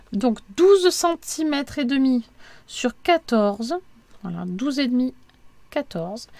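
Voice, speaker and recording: In a dry recording, a woman with a high voice and darkish tone walks through an informal craft tutorial step by step. She's chatty and slightly apologetic, frequently repeating and correcting herself.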